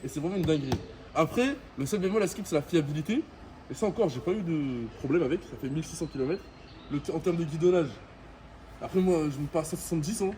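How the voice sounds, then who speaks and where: This fast-talking young man has a fairly high, warm voice and chats to camera in French suburban slang, reviewing like a vlogger. The recording is rough, with noticeable ambient sound in the background.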